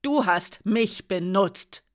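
A woman voicing a young female soldier held captive, speaking in a sharp, accusing, bitter way. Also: medium pitch, normal speed, natural voice. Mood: angry.

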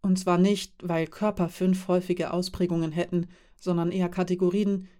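A woman reading the lines of a calm, friendly man who is part elf and part dwarf, explaining things with quiet amusement. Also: on the low side, moderate pace, lightly acted.

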